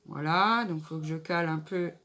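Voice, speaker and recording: Stuffed up from a cold, a woman in a casual crafting tutorial thinks out loud and chats as she puts together a table decoration, her voice nasal. As a craft vlogger, she speaks at a moderate pace in a low voice that sounds pushed and bright.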